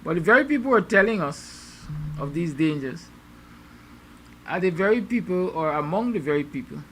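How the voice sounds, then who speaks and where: Bright-voiced Guyanese man musing aloud. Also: high voice, animated, moderate pace, a little hiss or hum. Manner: musing, rhetorical questions, sarcastic. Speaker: morning show host. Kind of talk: opinion monologue to viewers.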